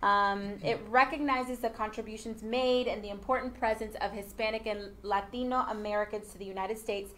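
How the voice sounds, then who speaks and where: A woman hosting a casual live-streamed studio chat, upbeat and promotional, often pausing with um. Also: medium pitch, steady tone, fairly bright tone. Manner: upbeat, promotional, many ums. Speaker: host.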